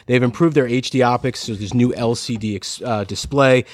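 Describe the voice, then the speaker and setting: A man co-hosting a podcast, eagerly rambling with quick asides. His voice is mid-pitched and sounds dry and close to the mic. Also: dry recording. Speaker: podcast co-host. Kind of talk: casual sponsor read.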